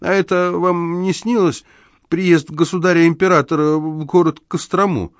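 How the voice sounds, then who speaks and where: A male reader voicing a fretful old man tormented by dreams, wailing in a high, excitable voice. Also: moderate pace, dry recording, studio quality, lightly acted. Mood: agitated.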